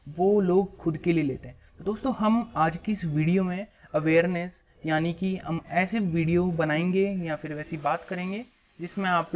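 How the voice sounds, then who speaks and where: His voice is a little high, and the recording has its highs cut off along with a little hiss or hum. He is a young man from India explaining a topic straight to camera on his own YouTube channel, instructive and speaking to viewers as friends. He uses a small clip-on shirt mic in a small room before a plain backdrop.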